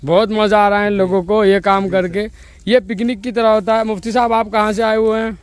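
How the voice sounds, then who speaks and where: A young man's smooth, high voice comes through brisk and level, with no room sound, as he walks outdoors in rural fields and woods. He cheerfully narrates for viewers and interviews scout trainees, filming with a phone camera held at arm's length.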